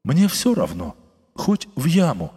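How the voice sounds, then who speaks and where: A man voicing a distraught male provincial doctor who shouts in trembling, tearful outbursts. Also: fairly high pitch, wildly swooping pitch, unhurried, husky, heavily acted. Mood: despairing. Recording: long reverb, faint music.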